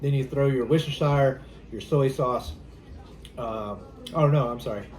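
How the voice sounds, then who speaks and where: Hosting a cooking vlog from his home kitchen, a Louisiana man with a Southern accent keeps things easygoing, rambling and leaning on fillers. His mid-range voice is a little mellow and moves at a normal speed.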